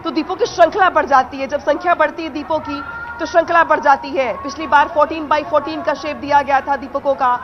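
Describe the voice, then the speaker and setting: A woman's voice: high voice, fairly even intonation, brisk, noisy background. A woman reporting live from a crowded outdoor event, explaining at length. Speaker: field reporter. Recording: dull outdoor line with crowd.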